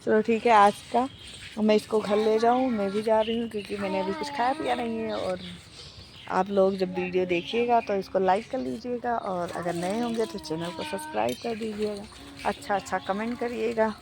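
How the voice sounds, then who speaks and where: A woman's voice: medium pitch, fairly even intonation, normal speed, creaky, noisy background. A woman, chatting casually in a family vlog and coaxing her small child in a playful voice. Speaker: vlogger mother. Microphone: clip-on mic.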